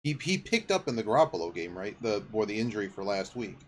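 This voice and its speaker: A man with a lowish, very animated voice talks fast over slight background noise. He's hosting a sports podcast, offering casual, off-the-cuff football commentary as he rambles, thinks aloud, and checks facts mid-sentence.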